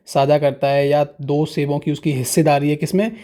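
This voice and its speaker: Guy teaching fractions to kids, slightly high but mellow voice, asks stuff then answers it himself. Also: level tone. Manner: slow, patient, asks questions and answers them himself. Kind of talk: explaining fractions to students.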